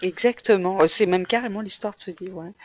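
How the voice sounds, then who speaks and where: A woman's voice: medium pitch, fairly even intonation, a little fast, no room sound. A woman hosting an interview, chatting casually with many hesitations and fillers. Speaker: interviewer host.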